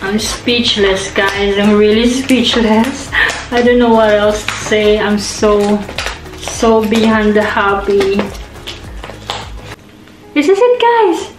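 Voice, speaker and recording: A woman vlogging an excited unboxing, gushing and exclamatory, gasping often. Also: medium pitch, slow pace. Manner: gushing, exclamatory, keeps gasping and saying oh my God. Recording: echoey room with faint music.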